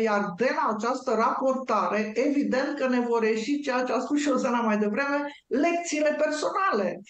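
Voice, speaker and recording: A woman on a talk show, calmly explaining her ideas step by step like a lecturer. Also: on the high side, reverberant.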